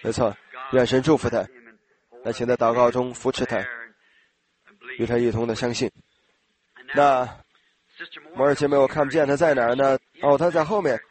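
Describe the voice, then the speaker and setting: A slightly hoarse man preaching an informal sermon, talking conversationally to his congregation and asking them questions. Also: mid-range voice, steady tone, moderate pace, long pauses, low-quality recording.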